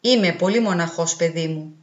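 Woman reading as a quiet lonely old man. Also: on the low side, lightly acted. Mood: sad, gentle. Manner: soft, quiet voice. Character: lonely old male lighthouse keeper, gentle. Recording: roomy, dull, with faint music.

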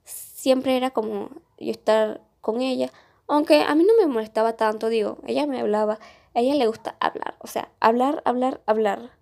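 A woman's voice: fairly high pitch, normal speed, creaky, a little mellow. A young woman telling a school story in a casual, rambling podcast chat. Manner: rambling, many restarts and fillers.

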